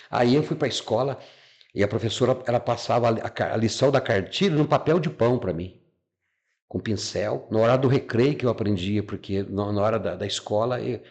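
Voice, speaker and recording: A man's voice: lowish voice, darkish tone. A man giving a personal testimony as a podcast guest, telling a life story with feeling, repeating words and acting out the people he quotes.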